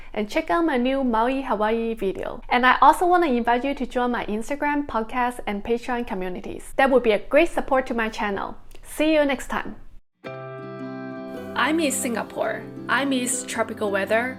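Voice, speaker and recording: A woman hosting a scripted pronunciation explainer, speaking directly to viewers. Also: fairly high pitch. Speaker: video host teaching pronunciation.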